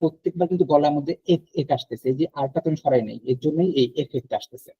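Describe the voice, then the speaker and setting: A man teaching an online French class, explaining slowly and repeating verb conjugations aloud. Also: a little high, warm tone, husky, dry recording, muffled recording.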